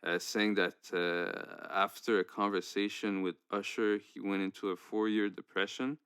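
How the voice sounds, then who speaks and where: A young man from Canada co-hosts a music podcast, his voice on the low side and smooth and clear. He rambles through his points with lots of fillers and restarts, recorded close and dry. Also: fairly even intonation, moderate pace, fairly bright tone, no echo. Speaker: podcast co-host. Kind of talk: casual chat.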